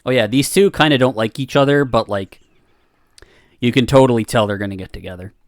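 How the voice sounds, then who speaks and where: A man streaming, reading a visual novel aloud with expressive narration and chatty asides. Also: medium pitch, fairly quick, no echo, studio quality.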